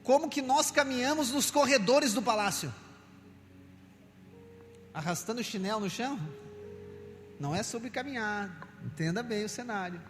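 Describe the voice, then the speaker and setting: A man preaching a sermon, questioning the congregation in a conversational way and at times building to loud, slow proclamations. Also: very high voice, expressive. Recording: long hall reverb with faint music.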